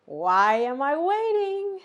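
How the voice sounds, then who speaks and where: A woman's voice: high voice, very animated, slow, a bit bright, lo-fi sound. A middle-aged woman hosting a casual cooking demonstration, chatty and teasing with her family. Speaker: cooking show host.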